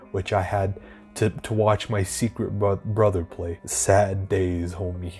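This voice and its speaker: A man with a fairly low voice talks through game reviews in a casual, slangy voice-over. His delivery is informal and a bit halting, with music playing underneath. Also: a little mellow.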